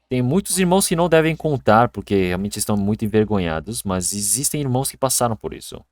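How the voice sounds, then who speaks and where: A male pastor preaching a Sunday sermon in an earnest way that grows lively when he tells everyday stories. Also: low-pitched, no echo.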